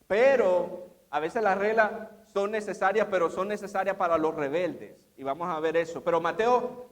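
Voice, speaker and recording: A man's voice: sits high, moderate pace. A man preaching a sermon as pastor, asking his listeners questions and chuckling as he reads aloud. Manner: animated, asks the congregation questions, laughs often.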